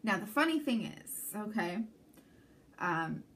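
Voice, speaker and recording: Speaking slowly in a sing-song, somewhat bright voice of medium pitch, the tarot reader chats her way through a reading to camera. She is from Canada, her first language is Armenian, and she frequently checks in with whoever is watching.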